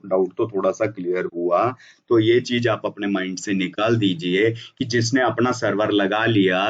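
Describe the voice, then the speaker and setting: Low-voiced man teaching from off-mic. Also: far from the mic, dull audio. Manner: explanatory, restarts words, mixes English terms. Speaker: instructor explaining bulk SMS business. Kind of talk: casual whiteboard lesson.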